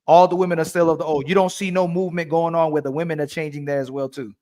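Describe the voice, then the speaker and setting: A man's voice: fairly high pitch, little pitch movement, quick pace, a little mellow. A man hosting a livestream call-in debate, pressing his caller with repeated questions. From family from Turkey. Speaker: livestream host.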